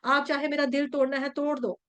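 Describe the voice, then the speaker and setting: A woman teaching a devotional scripture class, explaining in Hindi mixed with English and chanting Sanskrit verses slowly. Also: sits high, little pitch movement, a bit bright.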